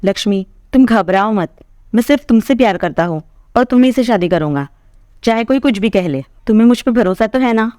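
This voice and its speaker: A woman's voice: fairly high pitch, lively intonation, brisk, mellow, dry recording, studio quality, lightly acted. Woman voicing Rakesh, a stubborn young lover. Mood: tender. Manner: earnest, insistent, pleading. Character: stubborn young man in love, defiant toward his sister.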